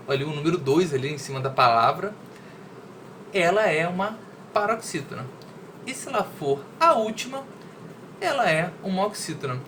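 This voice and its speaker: A man's voice: sits high, noisy background. A man reading a poem aloud and then explaining a grammar lesson in a conversational way, often checking that the listener follows. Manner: conversational, checks understanding with "né?" and "entendeu?". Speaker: teacher.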